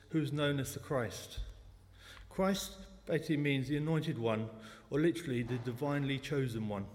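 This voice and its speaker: South london bloke in his 40s giving a church testimony, cracks jokes at himself, long church reverb. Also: mid-range voice. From South London, England. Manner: chatty, self-deprecating jokes. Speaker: lay speaker at a church service. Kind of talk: personal testimony talk.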